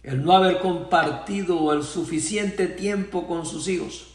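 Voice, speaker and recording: A man's voice: high-pitched, measured pace, echoey room, recorded from a distance. A man preaching a sermon as pastor, reciting song lyrics with feeling, in a church. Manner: recites song lyrics dramatically, voicing father and son.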